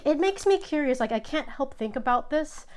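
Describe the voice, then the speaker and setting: Chatty woman host, excitable and fast-tripping. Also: sits high, a little hiss or hum. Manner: excitable, chatty, trips over words. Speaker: host opening trading card packs. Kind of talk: casual unboxing chat.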